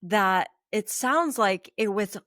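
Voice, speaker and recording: A woman hosts a podcast interview, backing up her guest and asking reflective questions. Her voice sits at an ordinary pitch for a woman, and the recording is dry and close. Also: lively intonation, takes it slowly, fairly bright tone, no room sound. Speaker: podcast host. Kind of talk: conversational interview.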